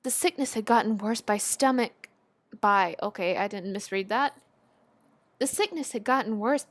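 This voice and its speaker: Reading fan fiction aloud on her video, a young host comments casually in a slightly amateur, giggly way, tripping over lines and going back to reread them. Her voice is a little high and fairly bright, and the recording is dry.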